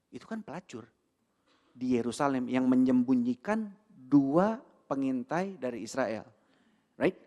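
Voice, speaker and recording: A man with an Indonesian accent preaching a sermon in a church, animated and full of rhetorical questions, with English words mixed in. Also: medium pitch. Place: church hall. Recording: long hall reverb.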